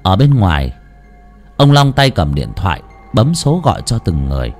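Male storyteller, low and husky, lively delivery, faint music under. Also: normal speed. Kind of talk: ghost story narration.

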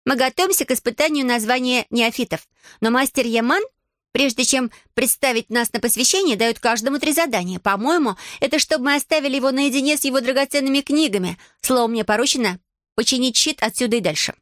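A woman voicing a bossy, clever young witch girl who explains things briskly, with a dry edge. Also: sits high, a bit bright, no echo, pitched above the performer's own voice.

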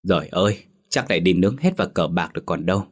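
A man's voice: low-pitched, expressive, fast talker. A man voicing a worried village wife who wails about her misfortune. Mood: lamenting. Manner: wailing complaints.

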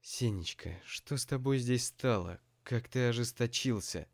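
A man's voice: medium pitch, unhurried, natural voice. A man voicing an anxious older mother who pleads with and soothes her son in an audiobook.

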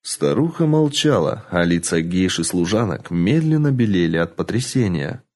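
A male audiobook narrator who tells the story expressively and dramatically. His tone is mellow and dark, and his intonation rises and falls in lively swings. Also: low voice, normal speed.

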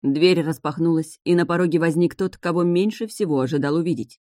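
An audiobook narrator reading a first-person fantasy story with lively, ironic storytelling. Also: mid-range voice, a little fast, no echo, studio quality.

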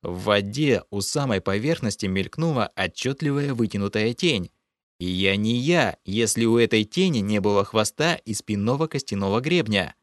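A man narrating an audiobook in the first person, with steady storytelling. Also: on the low side, moderate pace, dry recording, studio quality.

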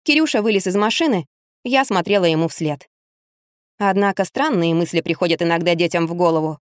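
A woman narrating a story in the first person as an audiobook, with a wry, lively storytelling manner. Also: fairly low pitch, brisk, no echo, clean studio sound.

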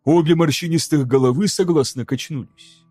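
Чтец-мужчина, мягкий тёмный тембр, размеренное драматичное чтение, тихая музыка фоном. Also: male voice, a little high, mellow, dry recording, soft background music. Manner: measured, dramatic reading. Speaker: audiobook narrator. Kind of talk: scripted narration.

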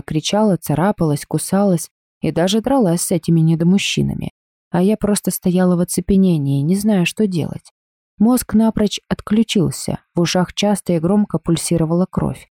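A woman's voice: lowish voice, warm tone, no echo, clean studio sound. A woman reading a first-person story aloud in an emotional, dramatic way. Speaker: narrator.

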